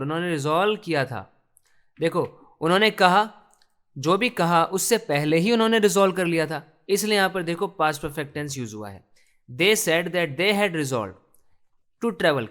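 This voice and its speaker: A man teaching English from a newspaper, reading each phrase slowly and explaining it in Hindi. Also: fairly high pitch, fairly bright tone. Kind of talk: explaining a newspaper text line by line.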